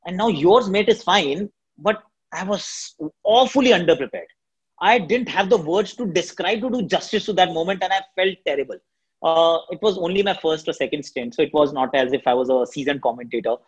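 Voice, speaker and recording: A man from Delhi, a cricket commentator whose first language is Hindi, answers interview questions with an Indian accent, his shrill voice carrying a breathy edge. He talks fast and energetically, and the audio is poor.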